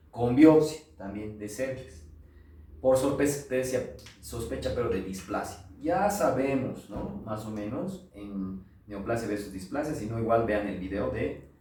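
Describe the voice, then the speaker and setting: A middle-aged man with a Bolivian Spanish accent lectures on pathology, telling a story and playing the people in it. His voice sits low. The sound is very echoey and comes from some distance off the mic. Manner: animated storyteller, acts out quoted voices. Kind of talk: classroom lecture with anecdotes. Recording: roomy echo, voice from far off.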